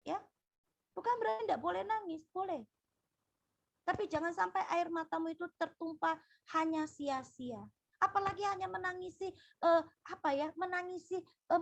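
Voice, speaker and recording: High-voiced woman giving a firm lecture. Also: creaky. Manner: firm, admonishing, repeats "ya" often. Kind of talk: sermon-style lecture.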